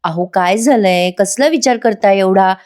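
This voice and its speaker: Woman narrator plays a concerned young wife, gentle and coaxing. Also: medium pitch, moderate pace, natural voice. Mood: worried. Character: caring young wife Sayali.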